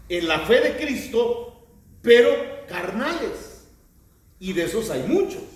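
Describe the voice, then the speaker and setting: A man preaching a sermon, telling the story with animated delivery and acting out quoted voices. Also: sits high. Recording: very echoey room, mic at a distance.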